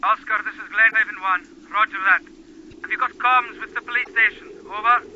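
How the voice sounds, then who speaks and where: Brisk rescue boss on a two-way radio, clipped call-sign talk, static bursts, muffled and noisy, as a man voices him. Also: high-pitched, fairly even intonation, pushed and bright. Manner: clipped, by-the-book radio procedure. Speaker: mountain rescue team leader. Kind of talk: radio drama acting.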